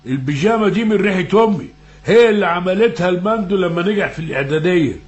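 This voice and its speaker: A man's voice: sits high, animated, fast. An actor playing a stubborn, easily frightened old father in a comic radio drama, speaking with an Egyptian Arabic accent and hurling repeated insults in a frantic rush. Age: older.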